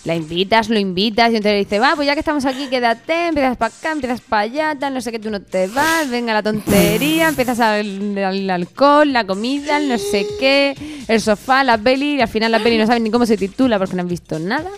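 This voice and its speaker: A woman with a fairly high voice chatting in a radio studio. She tells rambling, jokey stories and giggles easily among friends. Music sits faintly in the background. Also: lively intonation, fairly quick, few pauses. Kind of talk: casual banter among friends.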